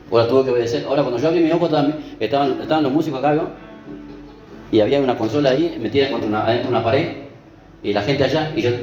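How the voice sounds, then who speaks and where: A man preaches a chatty sermon in church, his mid-range voice captured on a muffled recording, often pausing to ask the congregation "¿vio?" and "¿sí?". The space echoes and music plays in the background.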